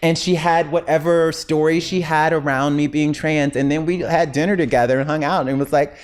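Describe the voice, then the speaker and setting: A woman in her fifties, a guest in a casual interview, talking reflectively and telling animated stories in which she acts out the people she quotes. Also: deep voice, normal speed. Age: 50s.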